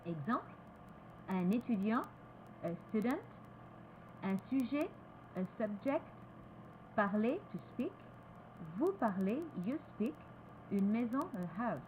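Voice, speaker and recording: A French-accented woman teaching pronunciation at a very slow pace. She repeats each word with careful articulation, and her fairly high voice moves up and down a lot. Faint background noise sits behind her. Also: lively intonation, narrow, tinny audio. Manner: repeats each word slowly, switches between French and English.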